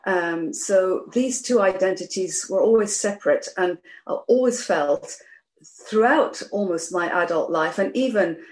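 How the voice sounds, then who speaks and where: A middle-aged Iranian woman is an interview guest, speaking hesitantly with plenty of fillers and restarts in a conversational exchange. Her voice sits at medium pitch and moves a little slowly, and the room gives it a noticeable echo.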